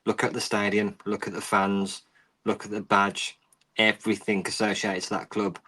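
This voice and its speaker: A man's voice: lowish voice, level tone, moderate pace, sharp tone, husky. A man on a football podcast who gives his views in a firm, matter-of-fact way. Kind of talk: casual football podcast chat.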